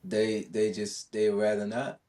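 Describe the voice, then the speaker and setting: Heard from far off the mic, a Jamaican man with a lowish, mellow voice chats and tells stories on a podcast. His tone stays level and unhurried while his speech is slangy, full of repeated words and phrases.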